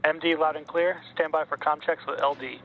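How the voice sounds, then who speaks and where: Flat, higher-voiced man over a pilot headset. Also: a little fast. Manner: clipped, formal callouts over a pilot-style headset. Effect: radio headset comms. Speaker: mission director on launch comms. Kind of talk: procedural radio comm checks. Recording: narrow phone-like radio channel with noise.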